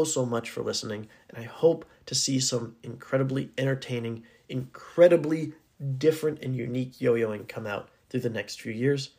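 A man speaks in a raspy voice that sounds hoarse, at a medium pitch. He is hosting a solo podcast in a casual, unscripted way. His delivery is earnest and addressed directly to the listener. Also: darkish tone. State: hoarse, needing to clear his throat. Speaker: podcast host.

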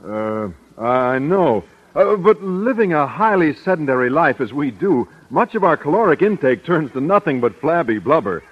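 An actor playing a bashful, penny-pinching teacher, hesitant, earnest and pedantic, in a 1950s radio sitcom. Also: male voice, on the high side, sing-song, moderate pace, few pauses, breathy edge. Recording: muffled, noisy vintage radio recording.

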